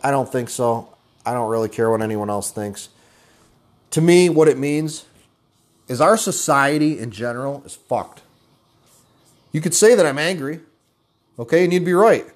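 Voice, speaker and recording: A man's voice: medium pitch, normal speed, pauses often. A man giving an intense, profane motivational rant, blunt and angry, calling his listeners guys. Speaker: motivational speaker.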